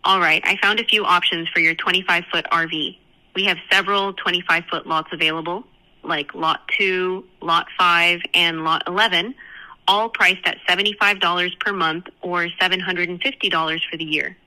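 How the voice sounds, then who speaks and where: A woman's voice: fairly low pitch, steady tone, moderate pace, pushed and bright, poor audio. A synthetic woman's voice acting as a phone receptionist, heard through a phone on speakerphone, with polite scripted customer-service phrasing. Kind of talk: booking call.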